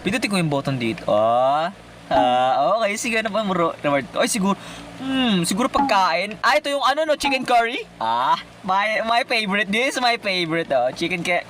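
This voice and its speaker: A young man doing game commentary, yelling and swearing excitedly at whatever he runs into. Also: high voice, moderate pace, slight background noise. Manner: excitable, yells and swears at mobs. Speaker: gamer.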